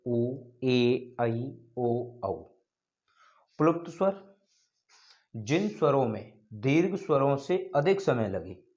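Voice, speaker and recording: Brief: male teacher, exam coaching lesson, slow and repetitive, mid-pitched, slightly dull lo-fi recording. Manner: slow, repetitive explaining, drawing out called-out names. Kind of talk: exam-prep grammar lesson.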